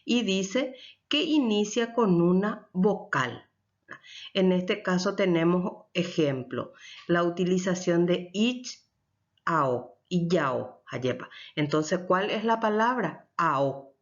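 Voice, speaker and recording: A woman teaching Guaraní grammar in a lecture, explaining slowly and often checking with her listeners. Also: lowish voice, lively intonation. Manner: switches between Spanish and Guaraní. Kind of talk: recorded language lecture. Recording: dull lo-fi recording.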